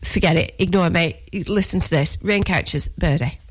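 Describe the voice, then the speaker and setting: A woman's voice: on the low side, moderate pace, poor audio. A woman with a Lancashire accent presenting casual live radio in a chatty, giggly, colloquial way.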